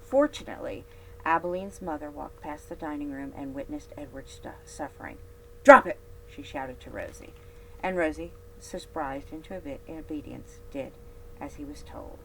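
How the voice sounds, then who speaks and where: For a library read-aloud, a woman with a low voice narrates a scripted children's story at a moderate pace. She reads expressively, stressing key words emphatically, over a clear, steady hum and noise in a rough recording.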